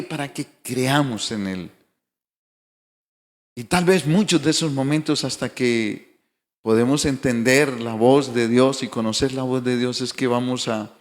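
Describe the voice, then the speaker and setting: A man preaching from the pulpit, his mid-range voice climbing in emphatic declarations. He asks rhetorical questions of the congregation, and a long hall reverb trails each phrase through the sanctuary. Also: medium pitch. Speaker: pastor. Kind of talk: sermon. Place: church sanctuary.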